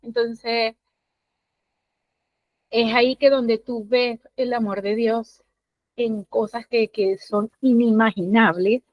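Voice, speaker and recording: A woman's voice: fairly high pitch, fairly even intonation, slow, pauses often, dry recording. Earnest Venezuelan woman, muffled dry audio. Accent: Venezuelan (Maracaibo). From Maracaibo, Venezuela. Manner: earnest, hesitant with many restarts and fillers. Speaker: student sharing in class. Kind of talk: emotional personal testimony.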